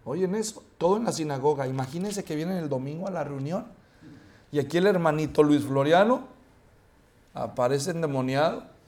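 A male pastor preaching a sermon, animated, acting out dialogue and asking the congregation questions. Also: fairly high pitch, normal speed.

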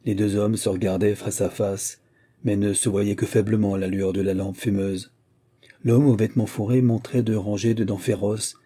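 A man reading a novel aloud as an audiobook, in steady, measured narration. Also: lowish voice, breathy edge. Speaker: audiobook reader. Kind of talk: scripted narration.

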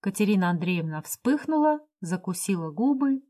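A woman reads a classic novel aloud as an audiobook narrator. Her delivery is calm and measured. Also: medium pitch.

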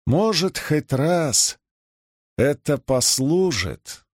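A man narrates an audiobook at a slow, deliberate pace. His middle-pitched voice moves through a wide, lively melodic range. The recording is dry and close, with no room sound. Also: no room sound. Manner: slow, expressive reading with lively pitch swings.

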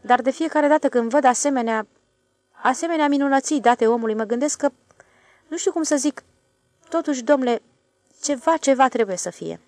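A woman voicing a calm, self-satisfied older male station master in an audiobook, drawling and knowing. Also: high-pitched, pauses often, dry recording, pitched above the performer's own voice. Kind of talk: audiobook character voice.

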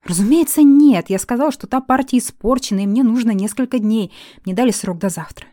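A woman's voice: a little high, fairly quick, warm tone, dry recording, studio quality, pitched above the performer's own voice, natural voice. Woman doing a panicky hysterical male elf. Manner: agitated, pleading, breaking into hysteria.

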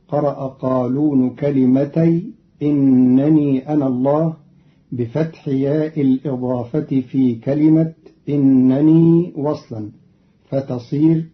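A man formally explaining Quran reading variants in a measured, deliberate way, reciting each verse before explaining it. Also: fairly high pitch. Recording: dull lo-fi old radio recording.

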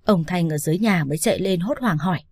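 A woman narrating a web novel as a scripted audiobook in a steady, even way. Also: lowish voice, fast talker, husky, dry recording, studio quality.

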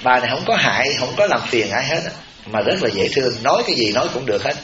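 A fast-talking man with a mid-range voice and a Southern Vietnamese accent, a Buddhist abbot, gives a humorous, chatty dharma talk to a retreat audience. He tells stories conversationally and grows animated when quoting others. The recording is roomy, dull and noisy, made in a temple hall.

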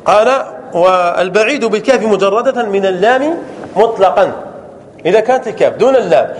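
A man's voice: high voice, slight background noise. A man teaching a grammar lesson to a class, explaining step by step and often checking whether the students understand.

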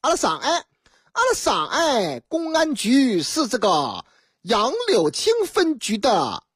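A woman voicing a smooth-talking phone con man who fakes a Shanghai accent and poses as a policeman. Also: on the high side, huge pitch swings, slow, dry recording, clean studio sound, exaggerated voice. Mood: wheedling. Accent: put-on Shanghai.

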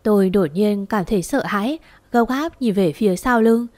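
Speaking slowly and mournfully, a woman recounts a sad story from her own life, her pitch in an ordinary middle range. The sound is close-miked and fully dry, with no room sound and no echo, and her tone is slightly mellow.

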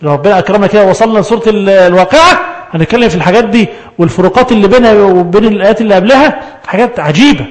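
A man with an Egyptian Arabic accent giving a religious lesson on Quran verses, lively and full of rhetorical questions. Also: high voice. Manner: animated, rhetorical questions, quick asides. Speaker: Quran teacher.

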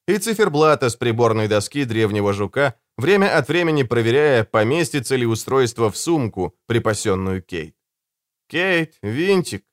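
Expressive male audiobook narrator. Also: mid-range voice, no room sound, clean studio sound. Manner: expressive, dramatic storytelling. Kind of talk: scripted narration.

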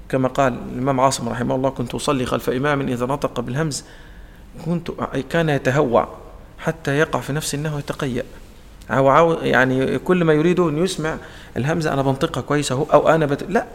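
Speaking in a large hall, an Egyptian-accented man with a higher voice and vocal fry gives an explanatory lesson on Quran recitation in colloquial Arabic. He demonstrates the sounds and answers his own questions.

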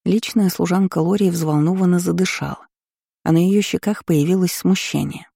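A narrator with a mellow, slightly gravelly voice reads a first-person story at a steady, measured pace. The sound is close and dry, with no room behind it, and the pitch sits in a middle range. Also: no echo. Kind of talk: audiobook narration.

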